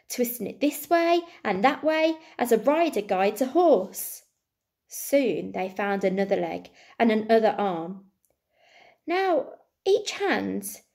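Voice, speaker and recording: Her voice on the high side with a darkish tone, a woman reads a story to children expressively, teacher-style. She uses deliberate dramatic pauses and emphasis throughout.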